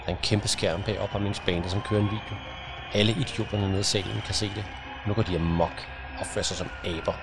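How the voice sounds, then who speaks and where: A man doing a hoarse, scornful tough guy. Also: on the low side, steady tone. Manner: scornful, blunt. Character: gruff hoarse man on a comms channel.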